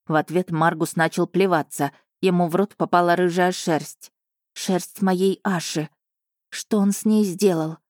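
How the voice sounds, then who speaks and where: Low-voiced woman narrating an audiobook. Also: darkish tone, no echo, studio quality. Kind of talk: scripted first-person narration.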